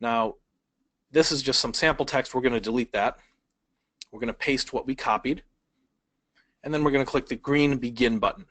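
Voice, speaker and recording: A man teaching a speed reading webinar from a laptop, talking conversationally, asking the audience questions and changing his pace and loudness for emphasis. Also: medium pitch, moderate pace, long pauses, no room sound, poor audio. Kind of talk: webinar lesson. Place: indoors at a laptop.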